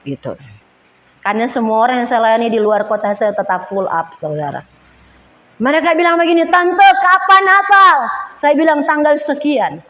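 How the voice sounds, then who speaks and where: High-pitched lady pastor from indonesia preaching a testimony, gets loud and emotional, long echoey hall sound. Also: lively intonation, moderate pace. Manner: emotional, rising to near shouts when pleading. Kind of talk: testimony sermon.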